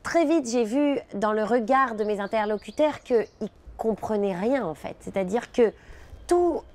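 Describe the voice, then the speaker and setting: A middle-aged woman from France, speaking reflectively in a documentary interview, often pausing with fillers as she searches for words. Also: on the high side, a little mellow.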